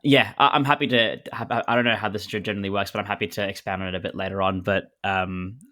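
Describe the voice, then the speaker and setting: Fairly low-pitched yet bright, with a steady, forceful tone, a twentysomething Australian man talks fast as a guest in a casual podcast interview. He comes across as laid-back and hesitant, often self-correcting.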